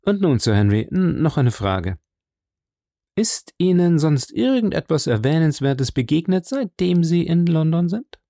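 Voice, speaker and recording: A man's voice: a little high, lively intonation, unhurried, mellow, dry recording, studio quality, pitched above the performer's own voice. A man reading an audiobook, voicing a keen male detective who asks pointed, probing questions. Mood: inquisitive. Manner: pointed, inquisitive questions, lifted emphasis.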